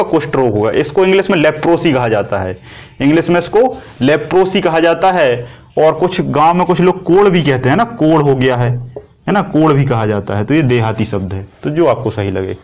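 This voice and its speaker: Higher-pitched man teaching a class. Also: lively intonation, moderate pace, darkish tone. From India. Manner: repetitive, asks and answers own questions. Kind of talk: coaching class lecture.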